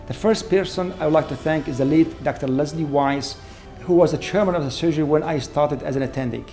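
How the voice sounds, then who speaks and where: A man, a surgeon speaking in an earnest, measured way in an interview. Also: on the high side. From Syria. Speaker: award-winning trauma surgeon. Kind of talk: reflective interview. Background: soft background music.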